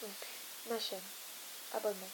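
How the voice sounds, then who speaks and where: A young woman, a gaming YouTuber, hosts a casual let's-play video, rambling, teasing, and trailing off with repeated fillers. Her voice is medium-pitched at a moderate pace, on a hissy home recording with a steady hiss.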